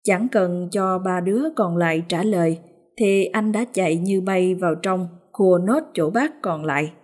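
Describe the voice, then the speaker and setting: A woman narrating a village ghost story in an even storytelling manner. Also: lowish voice, unhurried.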